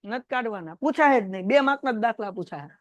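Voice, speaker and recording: A male teacher lectures a class on math in a chatty, quizzing way. His voice sits notably high for a man. The sound is dry and close, with little room echo. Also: animated, quick pace. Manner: chatty, quizzes students and tells anecdotes. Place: classroom with students.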